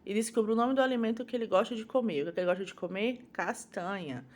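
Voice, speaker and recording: A woman's voice: mid-range voice, fast, darkish tone. A woman with a Brazilian Portuguese accent teaching a phonics lesson to young children, patiently sounding out syllables one at a time.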